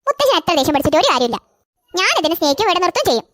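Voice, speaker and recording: A voice actor doing a stubborn high-pitched cartoon girl. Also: sing-song, very fast, a bit bright, no room sound, clean studio sound, full character voice. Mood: defiant. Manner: defiant, pleading. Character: stubborn teenage girl with a new puppy. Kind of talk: cartoon voice acting.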